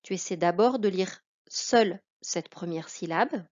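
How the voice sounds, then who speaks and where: A woman's voice: on the low side, a little slow, a little mellow, lo-fi sound. A woman teaching a reading lesson to children, patiently spelling out syllables one by one.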